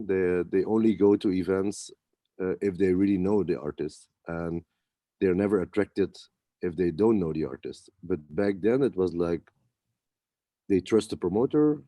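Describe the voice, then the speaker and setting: A man, a club promoter, answering interview questions in a relaxed way with many pauses and restarts. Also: low-pitched, no room sound. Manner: hesitant, many fillers and restarts. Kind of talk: casual interview talk.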